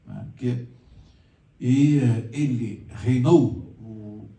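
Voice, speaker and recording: A man's voice: mid-range voice, very slow, vocal fry, warm tone. A man with a Brazilian accent teaching a conversational Bible class, explaining and asking the class questions. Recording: echoey room, mic far off.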